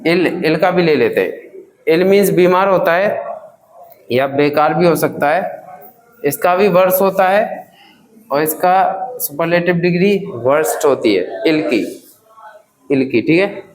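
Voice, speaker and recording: A man's voice: fairly high pitch, a little slow, long pauses, roomy sound, slight background noise, low-quality recording. A man teaching grammar in a classroom, drilling students with repeated questions and calling them children. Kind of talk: classroom lesson.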